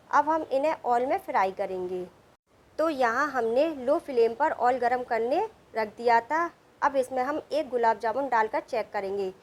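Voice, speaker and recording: A woman narrating a cooking recipe step by step in a calm, steady instructional voice-over. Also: on the high side. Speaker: cooking channel host.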